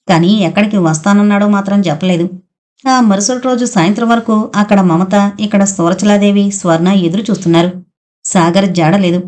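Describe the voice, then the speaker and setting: A woman's voice: mid-range voice, a little mellow. Woman, audiobook narrator, storytelling delivery, shifts tone for dialogue. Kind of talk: narrating a novel, reading all the characters' lines.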